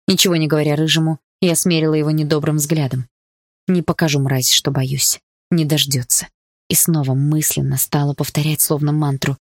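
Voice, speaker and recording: A woman's voice: low-pitched, darkish tone, no room sound, studio quality. A woman reading a first-person novel aloud in a tense, earnest manner. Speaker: audiobook narrator.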